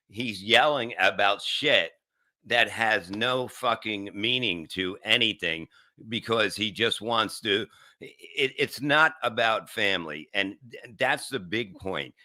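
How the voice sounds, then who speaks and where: Bright-voiced stammering man ranting. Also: fairly low pitch. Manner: profane, halting, stammering rant. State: in pain. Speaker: comedian and show regular. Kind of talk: casual talk.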